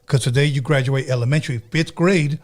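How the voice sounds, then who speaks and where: This radio podcast host is a man in his fifties from California who speaks Spanish natively and has a Chicano Californian accent. Running a laid-back interview, he's blunt and informal, dropping slang and Spanish phrases, in a medium-pitched voice at a fairly quick clip.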